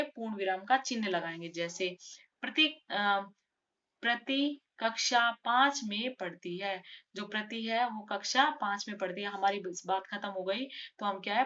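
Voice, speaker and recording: A woman's voice: medium pitch, a bit bright. Teacherly woman, dull lo-fi audio. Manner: explains each rule again in simpler words; stresses example sentences, saying them slowly. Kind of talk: casual classroom explanation. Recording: dull lo-fi recording.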